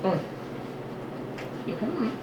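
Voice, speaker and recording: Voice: drawn-out words, dull audio. A vlogger chatting casually while eating on camera, with chewing sounds and a chatty, self-deprecating manner. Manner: eats while talking, with chewing and mm-hmm sounds. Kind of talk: casual eating vlog chat. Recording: roomy with faint ambient noise.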